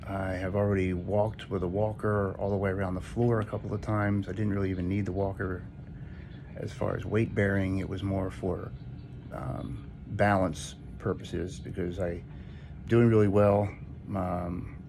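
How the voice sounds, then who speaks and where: Man, very low pitch, creaky gravelly voice, casual video diary, halting matter-of-fact delivery, noisy room. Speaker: patient recording a recovery video diary. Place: hospital room, indoors. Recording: noisy room ambience behind voice.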